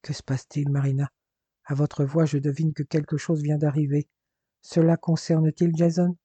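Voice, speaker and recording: Man reading firm older father, formal, reassuring, warm dark voice, dry recording. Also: fairly high pitch, level tone, moderate pace, slightly rough, dry recording, highs cut off. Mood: concerned.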